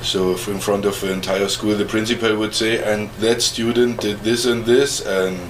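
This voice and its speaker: A man in his forties with a German accent and a very low voice tells his life story in an interview. He pauses to search for English words and chuckles now and then. A steady background noise sits under the recording. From East Germany. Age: 40s. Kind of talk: oral history interview.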